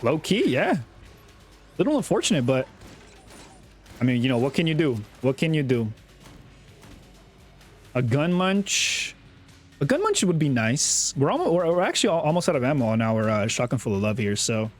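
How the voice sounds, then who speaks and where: A young man giving casual, chatty commentary over his own gameplay, often repeating himself and getting excited. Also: mid-range voice, moderate pace, pauses often, soft background music. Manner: chatty, self-talking, repeats words, excitable. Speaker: gaming YouTuber.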